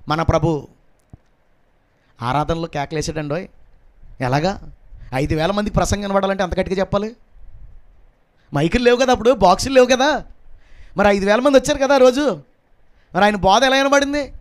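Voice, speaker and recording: A man pastor preaching a sermon with a Telugu accent, emphatic and full of rhetorical questions. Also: high voice.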